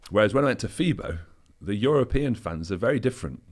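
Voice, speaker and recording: A man's voice: lowish voice, expressive, fast talker. A man, a pro bodybuilder guest, telling easygoing anecdotes in a casual interview chat, loose with fillers.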